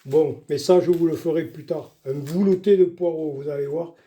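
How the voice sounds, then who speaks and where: Demonstrating a recipe in his home kitchen, an older man walks viewers through each step, folksy and talkative, with frequent "voilà" and "doucement." He speaks at normal speed in a slightly high, dark-toned voice with fairly even intonation.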